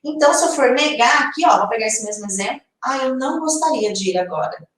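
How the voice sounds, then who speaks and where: A Brazilian woman teaching English in a live online lesson, explaining slowly and checking in with her viewers. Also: on the high side, lively intonation, very echoey, recorded from a distance, poor audio. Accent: Brazilian Portuguese.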